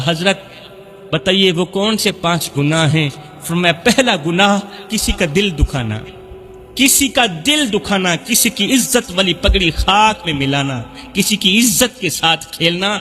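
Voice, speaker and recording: A man's voice: sits high, sharp tone, big-room sound. A male Islamic preacher, giving an emotional sermon full of repeated lines that build to cries. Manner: impassioned, repetitive, rising to cries.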